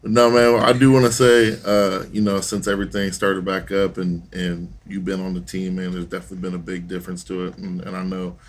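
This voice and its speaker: A man's voice: low voice, level tone, fairly quick, hardly any pauses. A young man hosting a podcast in laid-back, slangy casual chat. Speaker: podcast host.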